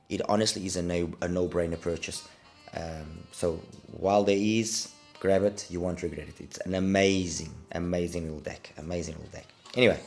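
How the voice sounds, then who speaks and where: A middle-aged Portuguese man with a deep, darkish voice reviews audio gear while congested with a cold. His review is casual and hesitant, and he repeats words for emphasis.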